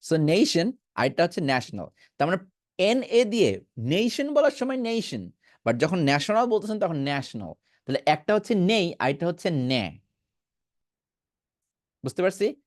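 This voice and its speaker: A man leads an English pronunciation lesson. He repeats words slowly and keeps asking whether learners follow. His voice swings widely in pitch, and the sound is dry and close. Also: no echo. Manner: repeats words slowly and drills them, checks understanding often.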